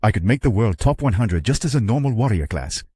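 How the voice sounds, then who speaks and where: A man voicing a cold, calculating young male warrior hero who speaks in a cool, matter-of-fact way, with a slightly husky tone. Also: on the low side, lively intonation, a little fast, warm tone, dry recording, studio quality.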